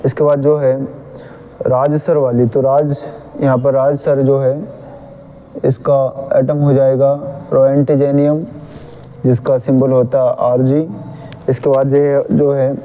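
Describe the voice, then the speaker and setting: Man, chemistry teacher, Hindi accent, slow and repetitive, monotone, faint noise. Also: medium pitch, low-quality recording. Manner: slow, repetitive, corrects own slips. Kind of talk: explaining a memory trick.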